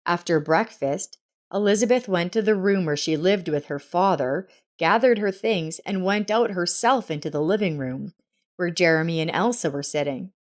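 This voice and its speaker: A woman with a slightly low voice narrates a scripted family story at a moderate pace, reading it as a storyteller would.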